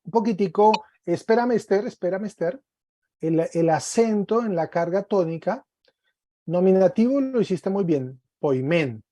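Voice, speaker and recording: A man's voice: high-pitched, moderate pace, warm tone, no echo, studio quality. A man teaching a Greek class online, patiently drilling word forms and encouraging his students.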